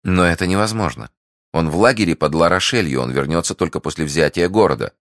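A man's voice: sits low, fast talker, no echo, clean studio sound. Man putting on a scheming noblewoman. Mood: gushing. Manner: feverish, ingratiating and insistent. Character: scheming, manipulative French noblewoman, feigning warmth.

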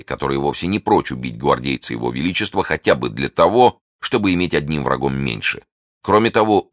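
A man reading a classic adventure novel aloud as an audiobook narrator, in a measured storytelling way. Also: rumbling low, a bit bright, no room sound, studio quality.

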